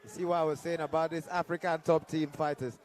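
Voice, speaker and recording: A man's voice: fairly high pitch, level tone, fast. A man giving casual live fight analysis as a colour commentator, chatty and conversational. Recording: clear venue noise behind.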